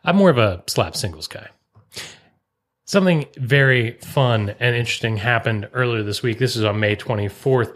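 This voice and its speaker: A man co-hosting a casual sports podcast in a mid-pitched voice. He reads out tweets and drops dry, joking asides between them. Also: animated, normal speed, a bit bright. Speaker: podcast co-host.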